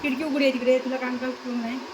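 A woman's voice: high-pitched, level tone, rapid-fire, very noisy. A woman, vlogging at home and coaxing her cats in a cooing voice. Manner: coaxing, cooing baby talk to pets. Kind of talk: casual vlog talk to her cats. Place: home with pets.

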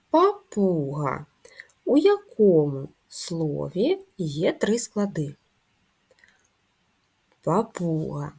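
A primary school teacher with a low, husky voice gives young pupils a handwriting lesson. She speaks slowly, gently and instructively.

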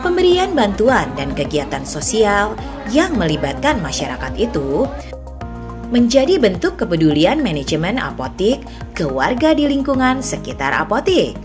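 A woman's voice: mid-range voice, big pitch swings, normal speed. A woman reading a scripted news voice-over as the reporter. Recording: voice-over over background music.

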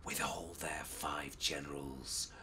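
Whispered role-play: a man playing a war general, breathy hushed vow, slow. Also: extremely low pitch, fairly even intonation, a little hiss or hum, pitched below the performer's own voice, heavily acted. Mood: grim.

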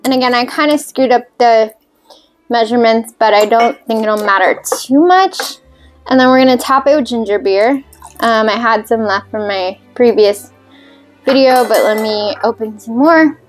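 A woman's voice: a little high, normal speed, soft background music. A woman hosting a cocktail video, talking casually and rambling with fillers while she mixes drinks. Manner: chatty, rambling, self-deprecating with fillers.

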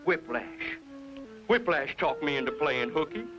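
A man's voice: a little high, animated, a little slow. A fretful rancher father. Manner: fretful and emphatic. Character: excitable middle-aged male rancher, fretful father. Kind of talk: 1950s cartoon voice acting. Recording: dull lo-fi soundtrack with music.

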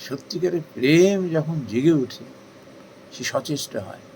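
A man giving a devotional talk in an earnest, persuasive way, asking questions and then answering them himself, with rising emphasis that softens again. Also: fairly high pitch, animated, unhurried, gravelly, slight background noise, low-quality recording. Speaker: spiritual speaker. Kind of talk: devotional discourse.

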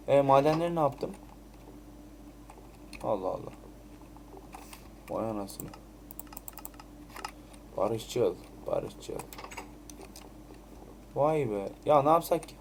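A man's voice: mid-range voice, expressive, slow pace, pauses often, a little mellow, a little hiss or hum. A man giving casual, chatty commentary while playing Minecraft, swearing now and then and muttering item names over and over as he crafts. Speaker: Minecraft let's play creator.

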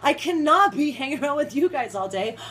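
A woman's voice: sits high, expressive, a little fast, fairly bright tone, a little hiss or hum. A young adult woman in a rambling, casual vlog rant, laughing often as she talks. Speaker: vlogger.

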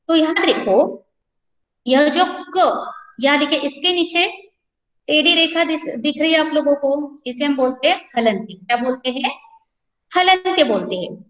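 A woman's voice: sits high, roomy sound, low-quality recording. A woman school teacher with a Marathi-influenced Hindi accent, giving a recorded online lesson, patiently asking questions and answering them herself. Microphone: laptop or headset mic on a recorded video call.

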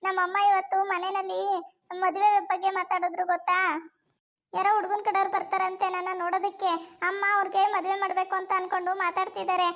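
A woman's voice: very high-pitched, completely flat delivery, fast, fairly bright tone. A woman acting in a village comedy skit, playing both a scolding mother and a pleading daughter.

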